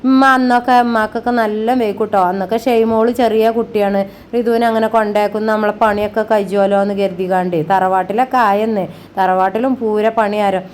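A woman's voice: medium pitch, fairly even intonation, a little fast, a little mellow, a little hiss or hum. Chatty homey woman vlogger. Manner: affectionate, calls viewers "children", frequent tag particles. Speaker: family vlogger. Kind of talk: homey chatty voice-over about housework.

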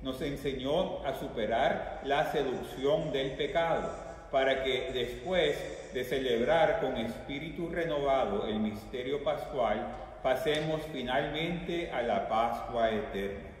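A man leading the Mass prayers as a priest, reciting slowly and solemnly, with a cathedral echo. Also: mid-range voice. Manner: slow, solemn liturgical recitation. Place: large church. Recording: echoey church from far off.

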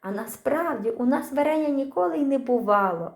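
Expressive woman reading a children's story. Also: sits high, fairly quick, roomy sound. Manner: expressive, acts out the characters.

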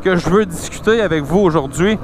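A man's voice: high-pitched, brisk. A man with a Québécois French accent, talking casually to camera while riding a dirt bike on a forest trail, swearing often and asking rhetorical questions. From Quebec. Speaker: motovlogger. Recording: loud engine and wind noise.

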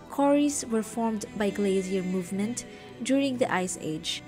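Upbeat woman hiking vlogger. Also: mid-range voice. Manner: upbeat, explanatory, gives practical tips. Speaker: travel vlogger. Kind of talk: travel vlog, narration and on-camera talk. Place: outdoors, parking lot and mountain trail.

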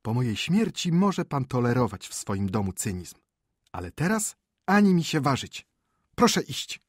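A shrill panicky wife. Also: male voice, very animated, normal speed, slightly rough, no room sound, studio quality. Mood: commanding. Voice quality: shrill, pleading. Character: panicky, shrill middle-aged wife, frightened and indignant. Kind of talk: audiobook character voice.

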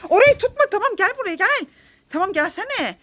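A woman's voice: extremely high pitch, big pitch swings, brisk, noisy background. A woman filming a family vlog outdoors in a garden, coaxing and scolding her children and laughing often.

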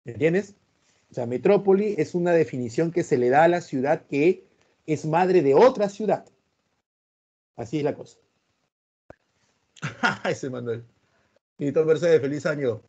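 A man teaching pre-university history online speaks unhurriedly, leaving long pauses, in a fairly high but dark and husky voice. He greets students by name and explains with homely examples, sounding stern, though he says that's just his normal voice. The audio is lo-fi.

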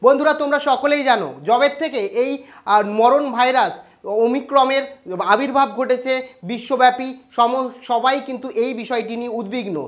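A host giving an exam news update to students, talking quickly with frequent "ah" fillers and English loanwords. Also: high voice, fairly even intonation. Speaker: education news channel host.

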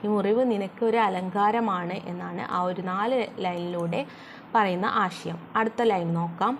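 A woman from Kerala, teaching a school poem. She reads the verses slowly, then explains them with quick questions she answers herself. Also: mid-range voice, fairly even intonation, slight background noise.

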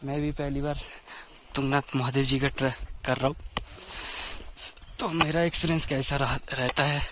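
A man vlogging outdoors while climbing a steep snowy trail, out of breath and talking slowly between breaths to his viewers. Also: medium pitch, level tone, background noise. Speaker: travel vlogger. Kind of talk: casual vlog narration while trekking. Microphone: handheld camera while walking.

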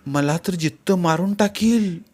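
A man voicing a pert, sharp-tongued young village girl in a read-aloud story. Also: high-pitched, animated, moderate pace, voice pushed up. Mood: scolding. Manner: pert, scolding.

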